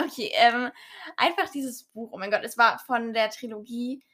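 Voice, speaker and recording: A woman's voice: fairly high pitch, moderate pace, a bit bright. A young woman co-hosting a casual book podcast, speaking hesitantly and rambling with many fillers. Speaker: podcast co-host.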